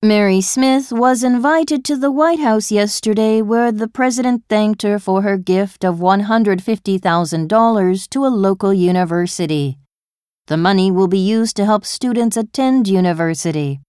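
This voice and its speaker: Smooth, clear woman reading news. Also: mid-range voice, darkish tone, dry recording, clean studio sound. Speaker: exam listening narrator.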